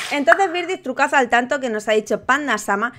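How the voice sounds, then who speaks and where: A young woman speaking talks her audience through her game. She gushes and exclaims at every little detail, in a bright, high-pitched voice. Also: brisk, a little hiss or hum. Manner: excitable, gushing exclamations. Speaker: gaming youtuber. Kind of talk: casual gameplay commentary.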